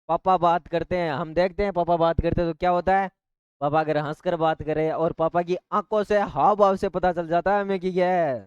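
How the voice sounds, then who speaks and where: A male tutor runs through exam points, checking in with rhetorical questions and little asides. His voice sits high and sounds smooth and clear. The recording is dry and slightly muffled. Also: a little mellow, dry recording. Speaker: teacher. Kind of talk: exam-prep lecture.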